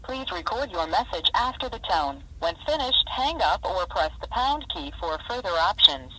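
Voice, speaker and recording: A woman's voice: mid-range voice, sing-song, moderate pace. Automated woman's voicemail prompt over a landline phone. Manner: crisp, lilting system announcement. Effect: heard over a landline phone. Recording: noisy, distant landline phone line.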